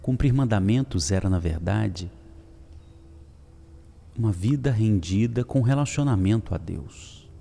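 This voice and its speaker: A man giving a daily devotional sermon, emphatic and swinging from loud calls to soft whispers. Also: lowish voice, expressive, measured pace, creaky, long pauses. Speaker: preacher.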